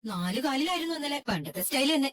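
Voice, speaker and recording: A woman dubbing a sharp-tongued, mocking middle-aged mother in a drama. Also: high-pitched, sing-song, fast talker. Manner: sarcastic, mocking. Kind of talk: dubbed drama dialogue.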